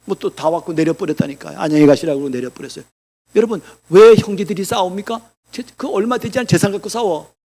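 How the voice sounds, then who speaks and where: A male pastor preaching a sermon in a church, asking the congregation rhetorical questions and swinging between loud declarations and quiet asides. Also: sits high, fast, hardly any pauses.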